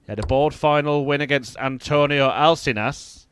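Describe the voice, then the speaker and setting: A man giving live darts commentary in measured, analytical short observations. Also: on the high side, a bit bright, clean tone.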